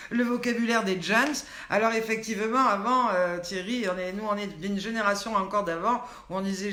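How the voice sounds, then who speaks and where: A woman's voice: a little high, bright, forceful tone. An older woman hosting a live online show, playfully quizzing viewers and reading out their names and comments. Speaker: host of a daily online show. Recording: echoey room.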